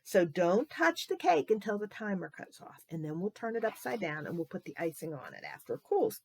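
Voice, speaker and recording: A woman voicing a patient mother who calmly explains to her young daughter, step by step, why she must wait. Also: mid-range voice, fairly quick, creaky, husky, full character voice.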